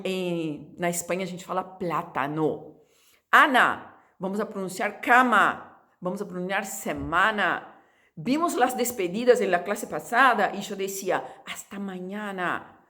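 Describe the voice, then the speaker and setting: A woman, teaching Spanish in a lively, chatty video lesson, drawing out sounds to demonstrate them. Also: mid-range voice.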